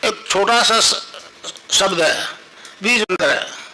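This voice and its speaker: A man's voice: high-pitched, slow, bright, forceful tone, a little hiss or hum, poor audio. An older man giving a sermon to a live gathering, telling a story and teaching a mantra for the listeners to repeat. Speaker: spiritual guru.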